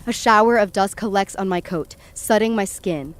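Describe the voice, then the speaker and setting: Speaking at normal speed in a mid-range voice, this woman lightly acts the part of a scared, tripping young woman in an audio horror drama. She recounts a supernatural night in first person, tense and dramatic, full of dread.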